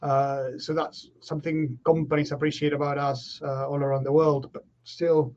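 As a guest on a remote podcast interview, an Argentine man in his thirties who plays rugby professionally speaks in a voice pitched somewhat high for a male. He reflects at an easy pace and leans on frequent filler pauses, and the call audio is a little muffled and low-fidelity.

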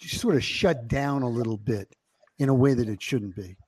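An older man and former TV executive, telling stories in an emphatic, animated way as a guest on a talk show. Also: medium pitch, moderate pace, slightly rough, no echo. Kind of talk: casual chat.

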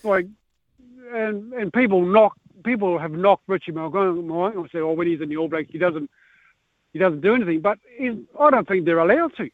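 A man with a New Zealand accent phones a radio sports show. His voice sits high for a man and comes through a narrow, tinny phone line. He talks casually, in blokey, matey banter. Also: moderate pace, no room sound. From Northland, New Zealand.

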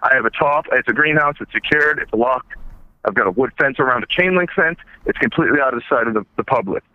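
A man's voice: medium pitch, quick pace, dry recording. Male call-in guest, tinny phone line, dry, rambling and blunt. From South Shore, Massachusetts. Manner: rambling, blunt storyteller with curse slips. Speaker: caller. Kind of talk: telling a story on a phone call.

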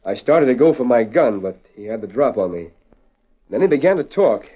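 A plainspoken frontier sheriff in an old radio western. His mid-pitched voice is folksy and wary. The recording is dull and lo-fi. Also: lively intonation, brisk, husky. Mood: wary, suspicious. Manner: folksy frontier drawling slang. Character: small-town western sheriff, plainspoken and suspicious.

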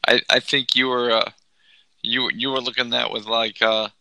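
A man co-hosting a sports talk show, skeptical and halting, often repeating his words. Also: medium pitch, little pitch movement, creaky, sharp tone, no echo, poor audio. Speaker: sports podcast co-host.

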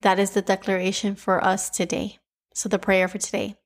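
A young woman with a Cuban accent hosts a devotional podcast, teaching scripture and leading prayer. Her medium-pitched voice keeps a level tone at normal speed, and her manner is earnest and emphatic.

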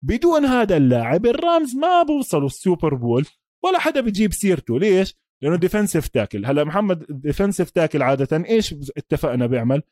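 A man's voice: high-pitched, sing-song, quick pace, a little mellow, no echo, clean studio sound. A man with a Palestinian-Jordanian Levantine Arabic accent co-hosting a casual sports discussion, mixing English sports terms into his Arabic. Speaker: sports podcast host.

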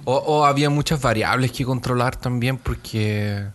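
Man, middle pitch, casual podcast chat, thinking aloud. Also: moderate pace, slight background noise. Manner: reasoning aloud with restarts. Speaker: podcast co-host.

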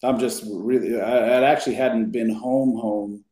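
A man talking about his detailing work as a podcast guest, in a lively way with many fillers. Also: medium pitch, moderate pace, reverberant. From Southern California. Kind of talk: casual podcast chat. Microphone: remote podcast call.

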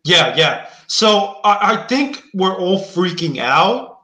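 Man, host, casual chat, thoughtful, hedging, bright tone, echoey room. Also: sits high, big pitch swings, slow. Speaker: podcast host. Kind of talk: casual chat about award predictions.

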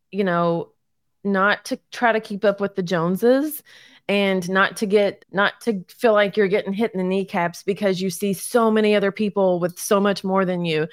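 A woman's voice: mid-range voice, moderate pace, no echo, clean studio sound. A woman guest chatting casually in an interview, down-to-earth and encouraging, laughing often. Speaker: guest, realtor and short-term rental owner.

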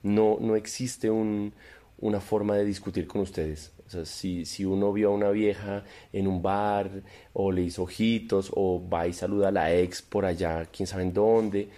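A man's voice: sits low, fairly even intonation, unhurried, mellow. A man, a podcast guest chatting casually in a joking, rambling, provocative way. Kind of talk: casual chat.

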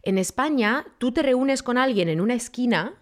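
A woman's voice: fairly high pitch, lively intonation, normal speed. A woman from Spain speaking with a Spain Spanish accent, a podcast guest in casual chat who tells stories animatedly and acts out quotes. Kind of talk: casual conversation.

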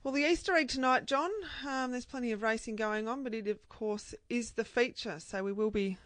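A woman's voice: a little high, fairly quick, a bit bright. An Australian woman co-hosting a racing radio show, interviewing and giving tips. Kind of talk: sports radio interview and tipping.

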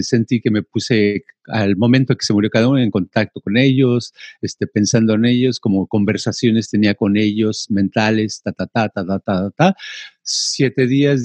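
A man's voice: lowish voice, unhurried, darkish tone, dry recording. An older man, chatting casually and rambling, filling gaps with playful sounds. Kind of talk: casual conversation.

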